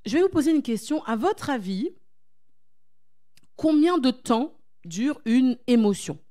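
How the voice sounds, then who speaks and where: A woman's voice: high voice, very animated, a little slow, warm tone. A woman speaking as a coach at a church conference, urging her listeners on with repeated phrases and questions to the audience. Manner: exhortative, repetitive emphasis.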